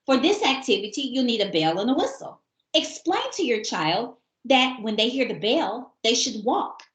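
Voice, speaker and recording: With a sing-song, somewhat high voice at a moderate pace, a woman presents a parenting show on kindergarten readiness. Her scripted instructions to parents are upbeat, encouraging and teacherly, and the sound is roomy.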